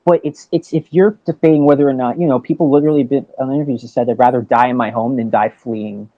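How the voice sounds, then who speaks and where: A man's voice: medium pitch, steady tone, fast, no room sound. A man from the United States making an earnest, argumentative point in an online panel debate over a video call connection that keeps breaking up. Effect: connection breaking up, voice cutting in and out. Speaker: panel discussion guest. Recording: dull lo-fi video call audio.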